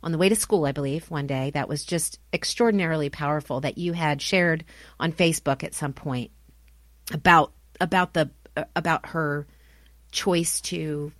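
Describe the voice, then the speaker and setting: Woman host, low-ish voice, enthusiastic, affirming; dry recording. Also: moderate pace, dry recording. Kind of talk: podcast interview.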